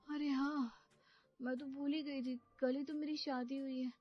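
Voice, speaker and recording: Naive cartoon bride, sweet and chatty, played by a woman, high voice over soft music. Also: level tone, a little slow. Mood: innocent. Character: naive, literal-minded young bride. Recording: slightly dull audio with background music.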